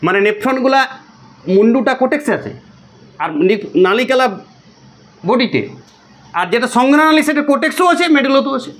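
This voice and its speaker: High-voiced man teaching biology. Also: fairly quick, long pauses, fairly bright tone. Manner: asks listeners frequent check questions; repeats key terms for drilling. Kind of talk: explaining a lesson while drawing.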